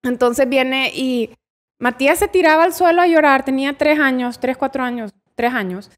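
A woman, a child psychologist explaining calmly in a casual interview. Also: high-pitched, normal speed.

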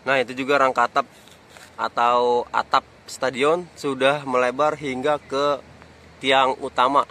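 Strolling through a stadium construction site, a man offers casual commentary in a medium-pitched voice at a measured pace. He's relaxed, pointing out features as he walks, while a phone camera held low films him outdoors.

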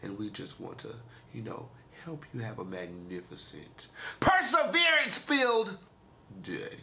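A man putting on a smooth, deep-voiced persona of a male radio fill-in host, speaking in a low, hushed, crooning way. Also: wildly swooping pitch, measured pace, full character voice.

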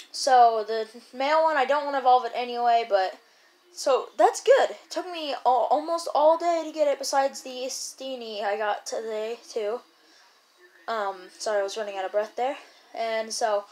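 A woman giving casual gameplay commentary as a YouTuber, rambling and chatty with excited bursts. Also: high-pitched. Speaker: gaming YouTuber.

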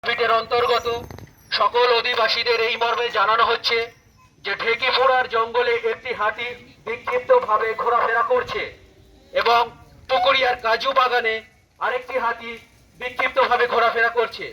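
High flat man through a megaphone. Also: moderate pace, muffled recording. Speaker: forest department public announcer. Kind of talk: formal public warning announcement.

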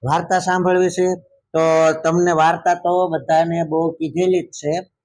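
A storyteller telling a story to young children, often pausing to ask them questions and repeating their answers. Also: medium pitch, level tone, a little mellow. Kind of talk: interactive storytelling with a child audience.

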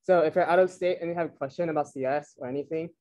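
A young man from Taiwan who grew up in Alabama, introducing himself to a student club in a friendly, relaxed way. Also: on the high side, rapid-fire. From Taiwan, raised in Alabama. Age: young adult. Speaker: club officer. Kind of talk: casual self-introduction. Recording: dull lo-fi sound.

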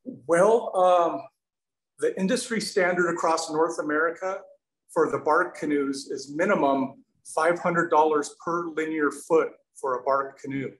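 This earnest canoe maker in his forties speaks on an echoey webcam video call from an indoor studio with windows, answering casual Q&A questions thankfully and restarting now and then. His voice runs on the high side with a fairly bright tone and a measured pace.

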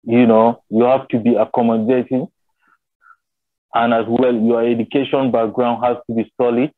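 A young Nigerian man talks on a video call from a small indoor room, thoughtfully explaining his tribe's customs. His medium-pitched voice stays fairly level at a normal pace, and he repeats phrases and often asks "you understand?" The laptop webcam gives a tinny, phone-line quality with no echo.

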